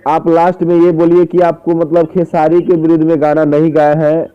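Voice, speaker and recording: A man's smooth, fairly high voice stays completely flat at a normal speed as he keeps questioning someone and repeating his phrases. It's a recorded phone interview, and the call audio comes through muffled and dull.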